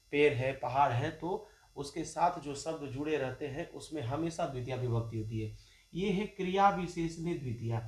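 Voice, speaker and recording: A man with a Bihari Hindi accent teaches a grammar class, asking questions and answering them himself. His voice sits a little high for a man. The sound carries the echo of a bare classroom. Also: a little mellow. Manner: asks students questions and answers them himself, repeats key terms. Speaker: Sanskrit teacher. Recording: echoey classroom.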